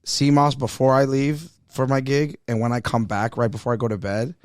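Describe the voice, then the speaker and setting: A man's voice: mid-range voice, little pitch movement, moderate pace, no echo, clean studio sound. A man hosting a podcast, chatting casually in a rambling, slangy way. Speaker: podcast host. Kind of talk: casual chat.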